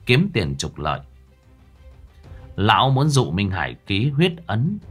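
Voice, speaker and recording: A man reading a dark fantasy tale aloud with a husky, low voice. His delivery is dramatic and full of rise and fall, with soft music running behind him. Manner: dramatic, expressive. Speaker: storyteller. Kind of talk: scripted narration.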